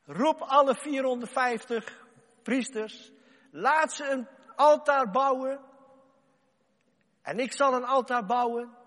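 Preacher acting out Elijah, commanding prophet. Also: male voice, high-pitched, expressive, a little slow, slightly rough, big-room sound, heavily acted. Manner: commanding, challenging. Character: bold prophet Elijah, commanding grown man.

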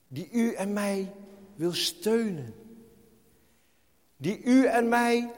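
A man preaching a sermon to his congregation, impassioned and crying out pleas to God, recorded in a church hall. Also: high-pitched. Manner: repeatedly addresses the congregation. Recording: reverberant hall.

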